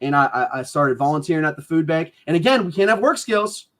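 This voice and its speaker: A man's voice: a little high, expressive, fast talker, a bit bright. A man, a guest on a live stream, talking earnestly and repeating himself as he tells his story. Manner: earnest, repetitive, breaks down crying, coos to his dogs. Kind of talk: emotional live-stream interview.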